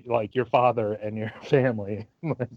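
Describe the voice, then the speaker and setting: A man's voice: fairly even intonation, moderate pace, no echo. Man rambling through a casual summary. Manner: loose, swearing, rambling summary. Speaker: podcast co-host giving chapter summary. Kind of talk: casual book discussion. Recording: muffled dry low-fi audio.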